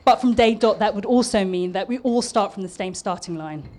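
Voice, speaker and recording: A woman's voice: mid-range voice, a little fast, a little mellow. A woman in her thirties from East London with a polished southern English accent, giving a prepared public talk in an earnest, slightly nervous way with small restarts. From East London, England. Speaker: public speaker and architect.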